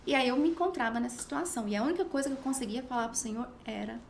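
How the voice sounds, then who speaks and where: Lively, higher-voiced woman telling her story. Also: racing, gravelly, a little hiss or hum. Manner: animated storyteller, acts out quotes, drops to a whisper on scripture. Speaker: podcast guest sharing her testimony.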